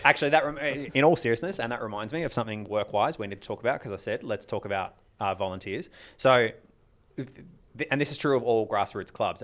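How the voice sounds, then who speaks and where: A man's voice: fairly low pitch, a bit bright. A man co-hosting a casual podcast, talking in a rambling way, often breaking off his sentences and laughing. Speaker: podcast co-host and club organiser.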